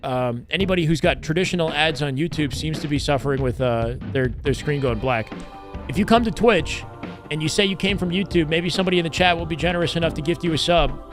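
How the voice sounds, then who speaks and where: A man with a slightly high voice commentates a game stream in a casual, chatty way. He welcomes and thanks viewers in hype slang, with music faintly behind him. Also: quick pace. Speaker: live streamer and esports commentator. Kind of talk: casual stream commentary and chat shout-outs.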